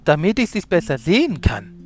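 Cunning storybook mountain lion, low and wheedling, read by a man. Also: huge pitch swings, brisk. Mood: menacing. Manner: coaxing, low and hushed. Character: sly hungry male mountain lion, smooth talker.

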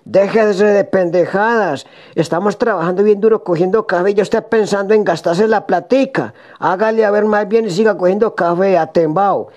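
Shrill bossy country wife, a guy doing her voice, high and naggy. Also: fairly even intonation, a little fast, a little mellow. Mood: scolding.

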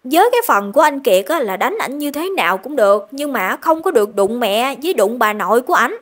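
A woman's voice: fairly high pitch, sing-song, brisk, fairly bright tone. A woman with a Southern Vietnamese accent narrating a ghost story in a chatty, emphatic way.

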